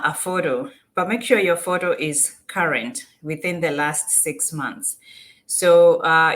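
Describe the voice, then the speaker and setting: A woman with a Kenyan accent walks through an informal, step-by-step screen tutorial, repeating and rephrasing her points as she goes. Her voice is low with a fairly bright tone.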